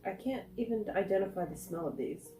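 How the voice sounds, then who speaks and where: A woman with a mid-pitched voice gives a casual snack review, rambling and thinking aloud between tastes. The room adds a clear echo to her voice, and music plays faintly behind her. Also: a little fast. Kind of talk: casual chat, food taste test.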